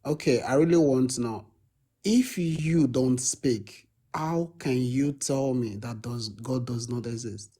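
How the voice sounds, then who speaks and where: A man's voice: mid-range voice, slow, dark tone. A man calling into a talk show, eager and insistent, repeating himself as he presses a question. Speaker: caller. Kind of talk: casual call-in chat.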